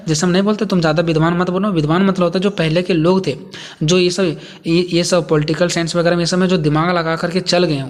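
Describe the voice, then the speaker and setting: रुक-रुक कर समझाता शिक्षक, गूंजता कमरा. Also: male voice, high voice, long reverb tail. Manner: repetitive, asks and answers own questions. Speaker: teacher. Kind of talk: explaining lecture.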